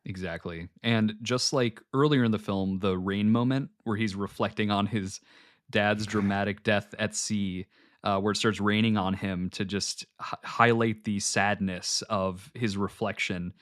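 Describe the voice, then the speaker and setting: A podcast co-host with a lowish voice speaks at a measured pace in studio-quality audio with no echo. He's relaxed and analytical as he casually breaks down a film scene, restarting sentences with fillers.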